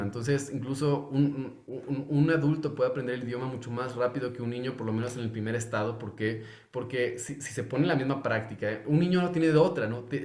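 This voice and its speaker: A man gives an informal lecture, his voice sitting at an ordinary middle pitch. He talks in a loose, conversational way, often stopping and restarting his sentences. The room around him is echoey. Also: darkish tone. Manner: conversational, many fillers and restarts. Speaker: Hebrew course teacher.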